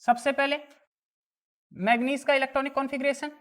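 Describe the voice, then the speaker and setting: A woman from India teaches a chemistry class, going through worked exam problems. Her high voice moves briskly with little pitch variation as she poses questions to the class and answers them herself.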